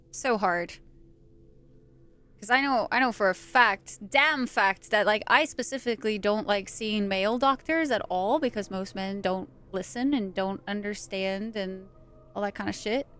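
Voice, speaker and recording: A woman's voice: mid-range voice, a little slow, fairly bright tone, clean tone. A young woman live-streaming a game, chatting casually and playfully, swearing now and then, close on the mic. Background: faint game music.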